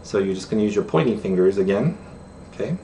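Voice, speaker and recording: A middle-aged man teaches a friendly beginner sign language lesson to camera, chatting and laughing at himself. His voice is lowish, dark, animated, and fast. A distant camera mic picks up faint room noise.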